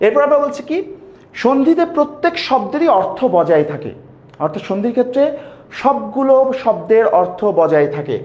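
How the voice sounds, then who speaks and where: Speaking briskly in an extremely high, darkish voice with wide pitch movement, a Bangladeshi Bengali-accented teacher leads a grammar lesson. He poses questions, supplies the answers, and drills key terms through repetition, all in a roomy, echoing space.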